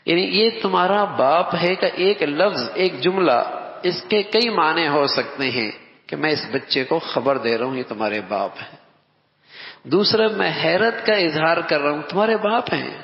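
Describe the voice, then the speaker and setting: A man preaching a sermon with a raised, gravelly voice, repeating each key phrase for weight and reciting quotations in Arabic. The sound is dull and lo-fi, and long reverb from a large hall trails after his words. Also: fairly high pitch, lively intonation.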